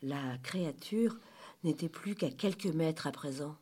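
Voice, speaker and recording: Slow, husky woman reading a tale. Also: low-pitched. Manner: lively, dramatic narration. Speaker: storyteller. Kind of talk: expressive children's story reading.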